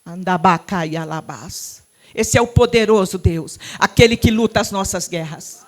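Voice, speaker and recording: A woman's voice: mid-range voice, moderate pace. Fervent Brazilian woman pastor preaching. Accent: Brazilian Portuguese. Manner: impassioned, swinging from loud cries to hushed tones, speaking in tongues. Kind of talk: fervent Pentecostal sermon. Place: church sanctuary.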